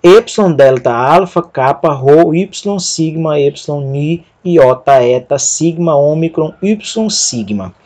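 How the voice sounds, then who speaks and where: A man teaching a recorded lesson, spelling out letters one by one in a slow, methodical way. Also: a little high, animated, darkish tone. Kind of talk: recorded lecture over written slides.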